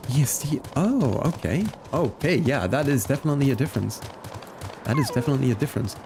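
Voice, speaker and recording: Fairly quick and expressive, a mid-range male voice belongs to a Belgian live game streamer who chats casually and greets viewers by name. He learned English, his second language, from video games. Background noise is audible.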